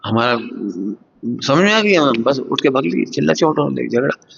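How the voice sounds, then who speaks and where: A man giving a morning religious sermon to students, teaching with lively, acted-out scoldings and frequent chuckles. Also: moderate pace, creaky. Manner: lively, acts out scoldings with sudden high jumps; chuckles often while teaching. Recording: echoey hall, dull lo-fi sound.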